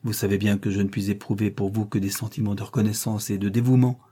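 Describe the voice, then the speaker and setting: A doubting, earnest young governess read by a man speaks with restraint. The voice stays low and mellow, a touch husky. It is a reader's light shading, not a full put-on voice. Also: fairly even intonation, quick pace. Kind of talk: audiobook character reading.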